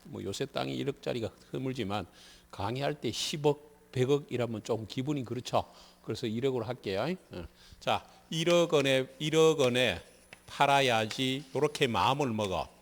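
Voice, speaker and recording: A man's voice: mid-range voice, expressive, moderate pace, vocal fry, long reverb tail. A man with a Gyeongsang Korean accent teaching civil law in a classroom lecture, drilling students with repeated quiz questions. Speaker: civil law instructor for a real estate licensing exam.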